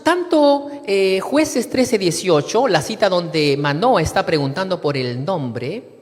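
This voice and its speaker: Slow preacher in a reverberant hall. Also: male voice, high-pitched. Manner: addresses the congregation as brothers, reads scripture aloud. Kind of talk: sermon.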